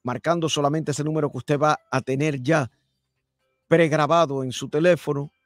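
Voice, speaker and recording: A man's voice: on the high side, steady tone, normal speed, no echo, soft background music. An older man hosting a live radio talk show from a studio microphone, emphatic and repeating key phrases. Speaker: radio host. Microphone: studio mic with headphones.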